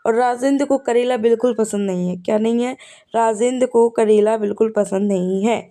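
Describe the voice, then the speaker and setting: Speaking a little fast in a fairly high, dark-toned voice, a woman teacher goes over memory tricks in an exam revision lesson. She's repetitive, often checking in with "ठीक है" as she restates the main points.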